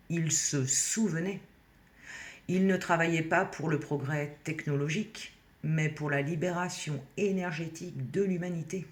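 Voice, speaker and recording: Slow, solemn male reader. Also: a little high. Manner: measured, solemn cadence with many pauses. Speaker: reader of a spiritual text. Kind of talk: slow read-aloud narration.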